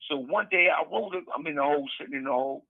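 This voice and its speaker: A man's voice: a little high, very fast, gravelly, no echo. A middle-aged man, an interview guest and author, talking over a prison phone call in a loose, rambling way, repeating words and using street slang. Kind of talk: casual storytelling interview. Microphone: prison telephone handset. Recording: tinny prison phone line.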